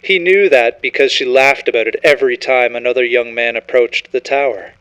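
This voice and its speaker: A man's voice: mid-range voice, brisk, fairly bright tone, smooth, dull audio. A man reading a scripted horror story as narrator, in a dramatic, ominous storytelling manner.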